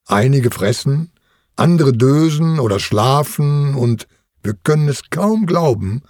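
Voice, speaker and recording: A man's voice: mid-range voice, animated, slow pace, a little mellow, no echo, studio quality. A man narrating a children's audio story as the children's uncle, in a storytelling manner.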